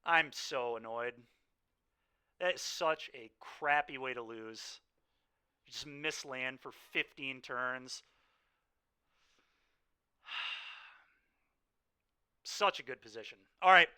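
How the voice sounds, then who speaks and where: A man's voice: mid-range voice, slow pace, long pauses, bright, forceful tone, smooth. A young man streaming a card game, venting his frustration and sighing between remarks to chat.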